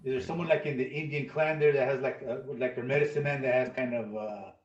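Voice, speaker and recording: A man's voice: medium pitch, fairly even intonation, fast. A man playing a tabletop role-playing game, rambling as he searches for words. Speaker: player. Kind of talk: casual tabletop play. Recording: distant, roomy, lo-fi.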